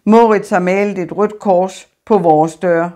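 A woman's voice: mid-range voice, steady tone, dark tone, lightly acted. A woman reading as a despairing grieving townsman. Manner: weary, lamenting. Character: despairing grieving man, town official.

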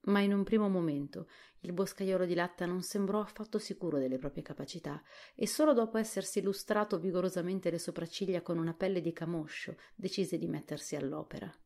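A woman narrating a storybook in a soft, hushed whispered role-play reading. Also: fairly quick. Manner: soft, low-voiced storytelling. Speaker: audiobook narrator.

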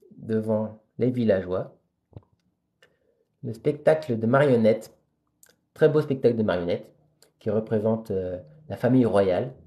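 A man with a mellow, dark voice reads a novel aloud at a steady pace, speaking into a phone on a live stream. Between passages he chats with viewers in plain, hesitant speech. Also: mid-range voice. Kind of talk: live reading aloud with chatty asides to viewers.

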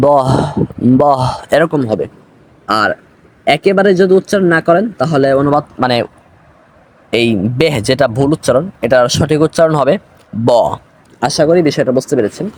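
Slow teaching man, warm mellow voice. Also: a little high. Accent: Bangladeshi Bengali. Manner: slow, explains and repeats words. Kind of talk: grammar lesson.

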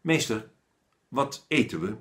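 A man's voice: medium pitch, very animated, slow, pitched above the performer's own voice. A man voicing an eager, earnest schoolboy. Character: eager, food-minded schoolboy.

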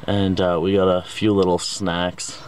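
A man's voice: low-pitched, level tone, unhurried, noisy background. A young man chatting casually to the camera in a vlog, rambling and self-deprecating. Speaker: vlogger host.

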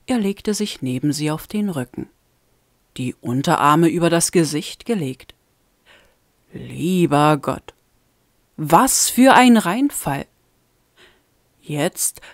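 A woman narrating a fan-made audiobook in a deliberate tone with dramatic rises. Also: sits low, no room sound, studio quality. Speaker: audiobook reader.

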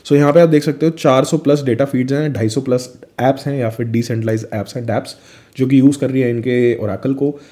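A man's voice: medium pitch, steady tone, fairly quick, mellow. A young man, chatty and casual, walking viewers through crypto charts in a vlog and calling the listener his friend. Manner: chatty Hinglish, addresses viewers as friend, fillers. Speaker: crypto vlogger. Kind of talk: screen-share chart walkthrough.

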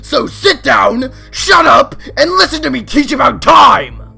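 A woman's voice: on the high side, very animated, moderate pace, vocal fry, fairly bright tone, breathy edge, soft background music, heavily acted. A woman voicing a short-tempered, theatrical talking alarm clock who teaches in a cartoon fan dub. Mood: indignant, angry.

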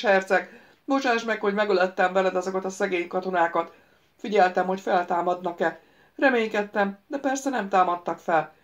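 A woman's voice: mid-range voice, natural voice. A wheedling ghost wizard, as a woman reads him. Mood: pleading. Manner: wheedling, pleading and bargaining. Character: pleading ghostly male wizard, petulant and scheming.

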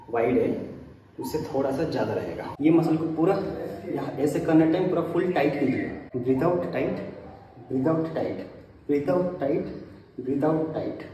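A man's voice: medium pitch, mellow. A man in his thirties from India, chatting casually and coaching through exercises in a fitness vlog, recorded on a phone in an indoor gym. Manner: chatty, coaching, counts breaths during reps. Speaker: fitness vlogger. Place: indoor gym, large echoey room. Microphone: phone camera, often held at arm's length or set on the floor. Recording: echoey gym, voice often far from the phone, gym noise behind.

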